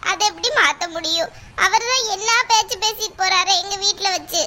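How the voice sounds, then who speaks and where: A woman's voice: very high voice, normal speed, noisy background. A woman voicing a worried middle-aged mother of the bride in a cartoon, pleading and plaintive. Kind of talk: cartoon voice acting.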